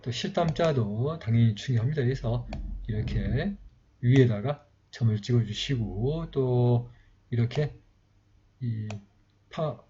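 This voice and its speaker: Mellow-voiced man teaching script writing. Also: mid-range voice, slow pace, muffled recording, a little hiss or hum. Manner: calm step-by-step explaining with frequent fillers. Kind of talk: recorded writing lesson.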